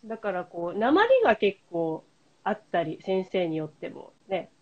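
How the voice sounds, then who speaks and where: A woman's voice: lowish voice, animated, moderate pace. A woman hosting a podcast in casual chat, talking loosely with many fillers and steering the questions. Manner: chatty, lots of fillers, leading the questions. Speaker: podcast host. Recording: slightly dull lo-fi remote link.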